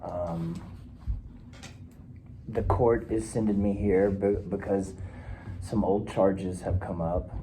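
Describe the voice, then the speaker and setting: Counseling role-play: man as a halting, earnest court-referred client in his fifties, lowish mellow voice. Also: fairly even intonation, a little hiss or hum, rough recording. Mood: subdued. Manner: hesitant, halting, quietly earnest. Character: troubled fifty-one-year-old man sent by court.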